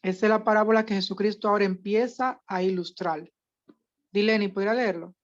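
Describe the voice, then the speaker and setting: A woman teaching a Bible study in a casual, animated way, often checking that her listeners understand. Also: mid-range voice, a little fast, dull audio.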